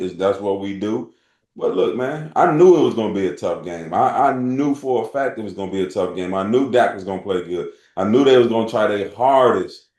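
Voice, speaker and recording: A man's voice: lowish voice, darkish tone, roomy sound. A man talking as a panelist in a casual sports debate, making his points emphatically and repeating them.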